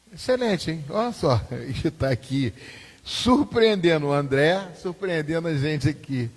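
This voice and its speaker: A male pastor teaches a Sunday school class in a loose, chatty way, repeating his points and checking in with listeners. His voice sits a little high and sounds husky. The long reverb of a church hall trails behind his words. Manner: informal, repetitive, asks the class questions.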